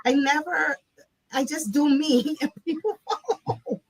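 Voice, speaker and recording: A woman's voice: sits high, unhurried, no room sound, poor audio. A woman from Barbados, a guest speaking reflectively in an interview and often asking "right?". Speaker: guest, nonprofit CEO. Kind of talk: conversational interview.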